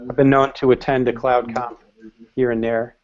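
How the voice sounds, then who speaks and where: A man's voice: medium pitch, flat delivery, normal speed. Easygoing male host on a lo-fi line. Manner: easygoing, brief responses, laughs often. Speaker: live-stream show host. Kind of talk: casual live-stream chat.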